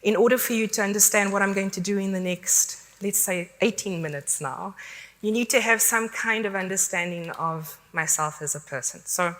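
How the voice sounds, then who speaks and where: A woman's voice: mid-range voice, moderate pace, a bit bright. South african woman giving a chatty conference talk, self-deprecating, hall echo trailing after her. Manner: candid, conversational, self-deprecating. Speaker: conference speaker. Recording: long hall reverb.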